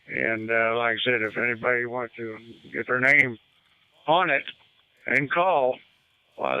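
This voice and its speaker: An American man giving a casual club announcement in a halting, folksy way over a two-way radio. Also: mid-range voice, clean tone, no echo, narrow, tinny audio. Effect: two-way radio transmission. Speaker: amateur radio club member checking in. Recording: band-limited, dry amateur radio audio.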